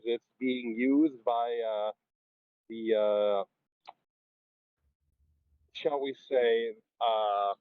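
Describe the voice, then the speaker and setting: A man's voice: medium pitch, dry recording. Man on a tinny phone line, old newsreel sound. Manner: halting, many fillers. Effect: muffled lo-fi sound like an old 1940s newsreel. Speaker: tabletop game player. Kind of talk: casual game chat, recapping his character's research.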